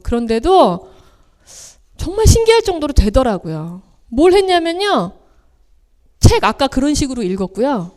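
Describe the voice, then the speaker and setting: Animated, high-pitched woman telling stories. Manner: storytelling, acting out quoted family voices with big swings. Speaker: seminar speaker. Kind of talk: motivational seminar speech.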